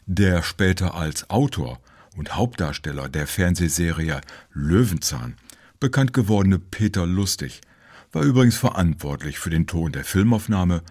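A man narrating a history documentary in a measured, informative way. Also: deep voice, animated, darkish tone.

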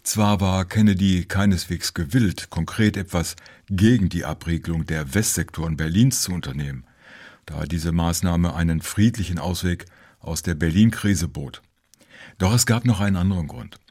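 A man narrating a history documentary in a measured, informative way. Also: sits low, a little mellow, breathy edge.

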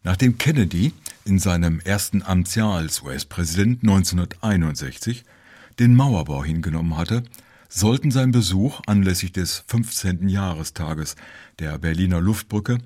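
A man narrating a history documentary in a measured, informative way. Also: low-pitched, lively intonation, darkish tone.

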